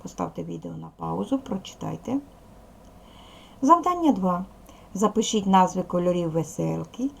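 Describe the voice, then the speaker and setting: A middle-aged woman teaching young children in a video lesson, explaining slowly and clearly with patience. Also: lowish voice, lively intonation, slight background noise. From Ukraine. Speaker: primary school teacher.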